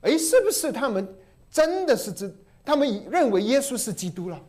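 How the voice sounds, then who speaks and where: A man preaching an expository sermon, teaching verse by verse with repeated phrases and sudden drops to a soft low voice. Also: sing-song, moderate pace. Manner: swings between emphatic rises and soft low drops.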